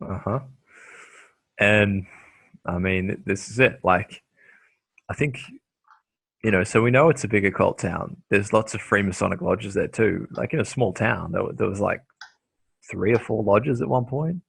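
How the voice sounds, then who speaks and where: A man's voice: lowish voice, a little slow, vocal fry, pauses often, a bit bright, breathy edge, no room sound. A man hosting a casual interview, rambling along with lots of fillers and restarts. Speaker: host.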